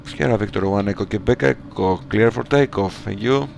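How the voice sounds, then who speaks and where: Give me a gravelly pilot on a cockpit headset. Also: male voice, on the low side. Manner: clipped, rapid aviation phraseology. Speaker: flight simulator pilot. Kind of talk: cockpit callouts and radio calls. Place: home flight simulator setup. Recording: steady background hum.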